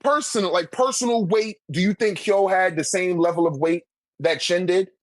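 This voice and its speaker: Talking at a moderate pace in a high voice, a man debates a manga ranking in an easygoing, slangy way. He often pauses to make sure the listener follows and agrees. The recording is dry.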